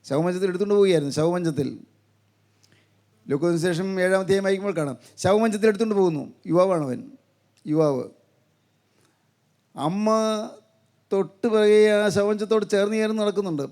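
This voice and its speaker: An older man with a Malayali accent delivers a sermon in a high-set voice, seated as he preaches. He retells scripture stories vividly and emotively, returning again and again to short repeated refrains. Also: brisk, long pauses, dark tone. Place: seated indoors.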